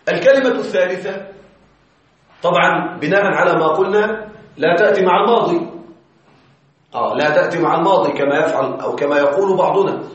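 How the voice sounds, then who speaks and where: A man teaching Arabic grammar in a classroom, explaining step by step and often checking that his students are following. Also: high-pitched. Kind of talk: classroom lecture. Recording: echoey, distant, slightly muffled classroom recording.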